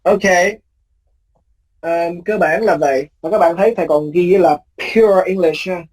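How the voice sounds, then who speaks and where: A male teacher giving a recorded lecture, explaining patiently, repeating key points and drawing out example words slowly. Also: high-pitched, a little mellow, rough recording.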